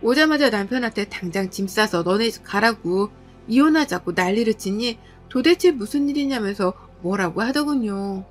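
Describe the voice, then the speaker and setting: A woman's voice: medium pitch, animated, normal speed, faint music behind. A woman in her thirties narrating a personal family conflict, indignant and firm. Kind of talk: dramatized storytelling with dialogue.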